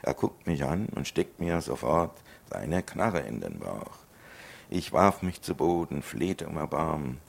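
Man, rhythmic spoken-word performer, rough gravelly voice, extremely low pitch. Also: sing-song, unhurried. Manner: rhythmic, storytelling delivery.

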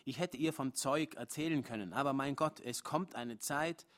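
Man, live literary reading, restrained measured delivery, medium pitch. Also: a bit bright. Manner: restrained, measured reading with rising intensity in dialogue. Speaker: reader of a translated story.

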